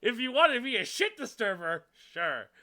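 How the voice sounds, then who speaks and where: A man's voice: very high-pitched, big pitch swings, moderate pace, sharp tone. A man acting as game master, narrating a tabletop role-playing session in casual talk.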